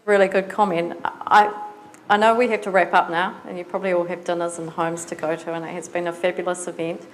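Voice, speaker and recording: A woman's voice: on the low side, little pitch movement, brisk, slight background noise, rough recording. A woman moderating a live science panel, wrapping up and thanking the audience. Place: museum event hall with audience.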